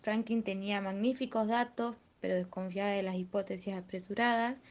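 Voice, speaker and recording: A woman's voice: fairly high pitch, darkish tone. A young woman, a student, reading a school presentation steadily, with small fillers.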